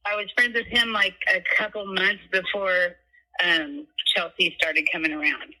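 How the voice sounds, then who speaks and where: A woman's voice: fairly low pitch, steady tone, moderate pace, pushed and bright. A woman being interviewed over the phone, answering hesitantly with many uhs. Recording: tinny phone line.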